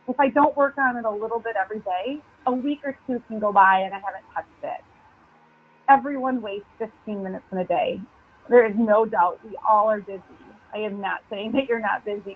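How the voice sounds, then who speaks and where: A woman's voice: medium pitch, normal speed. A woman hosts a team call and urges everyone to join in, earnest and frank in an upbeat way. Her voice comes through a thin, tinny phone line. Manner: earnest, blunt, upbeat urging. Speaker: team leader hosting a meeting call. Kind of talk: encouraging team talk.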